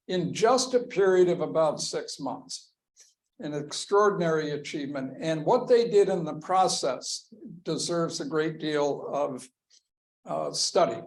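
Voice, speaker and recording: Male history lecturer, slow and measured delivery, gravelly fry on a somewhat high voice. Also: darkish tone, low-quality recording. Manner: slow and deliberate, pointing through slides. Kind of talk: classroom lecture. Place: lecture room with a class present.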